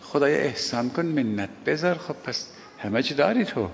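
Gravelly older man preaching in a hall. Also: medium pitch, lively intonation, slight background noise. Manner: emphatic storytelling, repeats key phrases, swings between loud and hushed. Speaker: religious teacher. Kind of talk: sermon explaining a prayer. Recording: dull lo-fi recording with long hall reverb.

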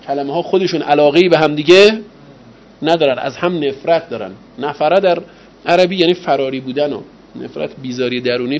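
Man, lecturer, rhetorical questions answered himself, slightly high voice, dull recording with faint room noise. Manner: lively pitch and loudness, slows for emphasis.

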